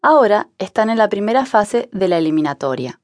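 A woman narrates an audiobook for language learners. She reads clearly and at a measured pace, and her pitch moves lively through each sentence. The recording is close and dry. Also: no room sound. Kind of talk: scripted narration.

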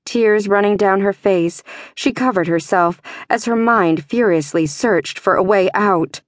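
A woman narrating a fantasy audiobook in a measured, tense way. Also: mid-range voice, no room sound, clean studio sound.

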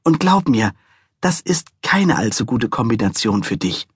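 A man voicing a demanding, heavily pregnant young woman with late-night cravings, shrill and bratty. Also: very animated, a little slow, husky, dry recording, full character voice. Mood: irritated.

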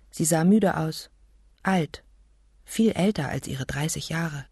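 Audiobook reader, woman, husky, dry studio, measured. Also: deep voice, warm tone, dry recording. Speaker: audiobook narrator. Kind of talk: scripted narration.

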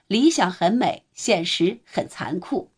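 A woman narrating a nonfiction history audiobook in a steady, even reading voice. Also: medium pitch, takes it slowly, slightly rough.

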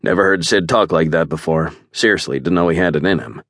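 A man voicing a calm, deep-voiced male warrior who speaks in a dry, easy way. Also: brisk, no room sound.

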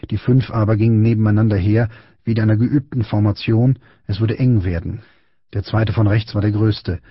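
A man, the author, reading his own novel aloud in calm, even audiobook narration. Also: fairly low pitch, slightly rough, dry recording, highs cut off.

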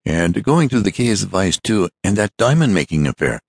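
A man reading a story aloud, voicing a short, stout, fussy businessman who talks in a rapid, boastful rush. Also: deep voice, sing-song, creaky, husky, no room sound, clean studio sound, pitched above the performer's own voice, exaggerated voice. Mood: flattering. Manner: rapid, breathless, boastful chatter.

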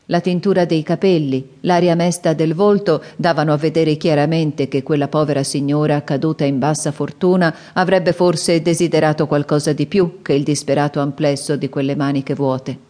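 A woman narrating a novel in an audiobook, with a measured, even storytelling manner. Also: sits low. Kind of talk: scripted narration.

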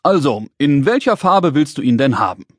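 A man voicing a kind, patient father in a children's audiobook, speaking gently and calmly. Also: medium pitch, normal speed, no echo, studio quality.

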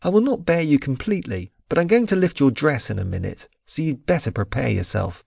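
A man's voice: medium pitch, lively intonation, creaky, a little mellow, slightly rough, no room sound, clean studio sound. A man doing a commanding warrior. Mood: stern. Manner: firm, measured, authoritative. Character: stern, commanding young male warrior. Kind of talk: audiobook character voice.

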